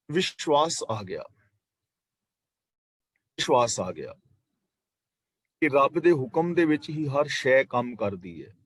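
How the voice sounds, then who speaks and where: A man's voice: fairly high pitch, no echo. A man teaching a scripture class over an online call, explaining verses line by line with parables and repetition. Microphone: online meeting call.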